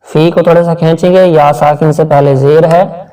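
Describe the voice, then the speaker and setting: High-voiced Quran teacher, slow chanting. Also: male voice, steady tone, mellow, distant mic, poor audio. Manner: explains rules briskly, then recites words slowly and drawn out. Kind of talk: tajweed lesson with slow chanted recitation.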